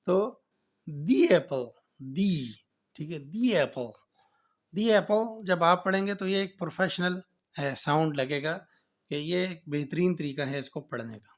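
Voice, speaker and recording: A man teaching an English grammar lesson, explaining slowly, repeating points and often checking with "right?". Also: a little high. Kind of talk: classroom lecture.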